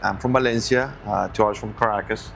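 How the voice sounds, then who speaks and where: A man's voice: on the low side, steady tone, brisk, gravelly. Man, friendly, casual chat, faint background music. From Venezuela. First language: Spanish. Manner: friendly, easygoing, repeats words while thinking. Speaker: co-host.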